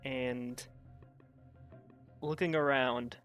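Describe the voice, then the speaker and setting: Slow, halting tabletop game master. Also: medium pitch, steady tone, a bit bright, clear, resonant tone, faint music behind. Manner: halting, searching narration with many fillers.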